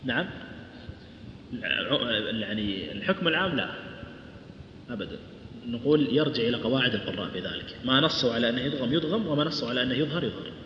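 A man lectures a class on Quran recitation, talking fast and asking his students questions. He recites verse slowly as he goes. The sound is dull and lo-fi, with a long echo from a large hall. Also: mid-range voice, lively intonation. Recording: echoey hall, dull lo-fi sound, faint hum.

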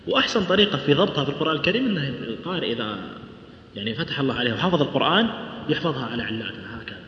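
Fast-talking man teaching in an echoey hall. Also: mid-range voice, sing-song. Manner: explains quickly, asks the class questions, recites verse slowly. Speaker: Quran recitation teacher. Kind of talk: classroom lecture on tajweed. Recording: echoey hall, dull lo-fi sound, faint hum.

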